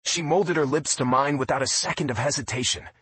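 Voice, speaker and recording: A man narrating a romance audiobook in a low, intimate first-person reading. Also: fairly quick, fairly bright tone, breathy edge, no echo.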